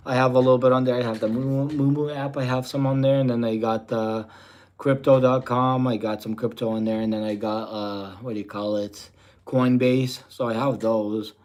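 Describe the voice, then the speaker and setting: Chatting casually as a livestream host, this young man from Russia rambles through replies to viewers, leaning heavily on "you know" and "type deal." He speaks at normal speed in a flat, medium-pitched voice with a darkish tone.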